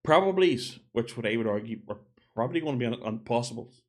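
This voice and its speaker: A man's voice: mid-range voice, lively intonation, quick pace. A man giving a casual opinion monologue, chatty and thinking aloud as he corrects himself. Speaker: gaming video creator.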